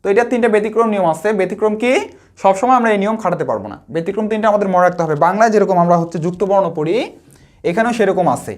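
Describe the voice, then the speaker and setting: A woman's voice: mid-range voice, racing, a little mellow. A woman teacher, giving a pronunciation lesson. She spells words out letter by letter and asks and answers her own questions.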